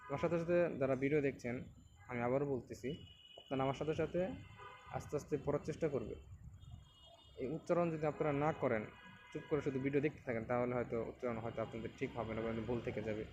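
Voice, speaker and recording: A man's voice: mid-range voice, background noise. Patient man teaching letters. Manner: repeats letters slowly for learners to copy. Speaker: Quran teacher. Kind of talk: patient step-by-step lesson.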